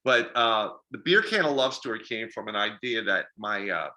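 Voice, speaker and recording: Bright, animated middle-aged man telling stories. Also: lowish voice, moderate pace. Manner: animated, self-deprecating, acts out quoted dialogue. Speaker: filmmaker and festival organizer. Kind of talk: casual interview storytelling.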